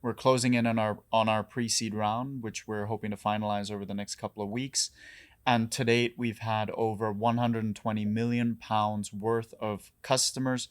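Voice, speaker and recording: A young man introducing himself as a startup co-founder, speaking in a measured, articulate way. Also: fairly low pitch, little pitch movement. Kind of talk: interview answers.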